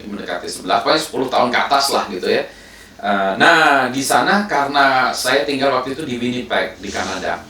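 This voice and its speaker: A man in his fifties from Indonesia, talking casually and at length, pausing often with fillers and restarting his words. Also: medium pitch. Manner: relaxed and rambling, with many fillers and restarts. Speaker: host. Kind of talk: casual monologue. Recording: roomy sound from a distant mic with faint background noise.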